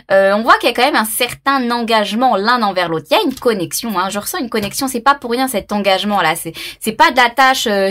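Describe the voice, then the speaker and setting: A woman's voice: a little high, fairly bright tone. A woman doing a casual tarot reading to camera, talking hesitantly with lots of fillers and repeated words, and laughing at herself. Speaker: tarot reader.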